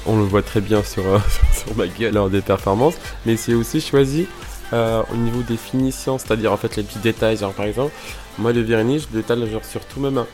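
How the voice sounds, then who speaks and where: A man's voice: on the low side, fairly even intonation, a little fast, darkish tone, soft background music. A man in his twenties from Morocco, a drag queen, talking casually about his life with many fillers and restarts. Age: 20s. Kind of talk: personal interview monologue.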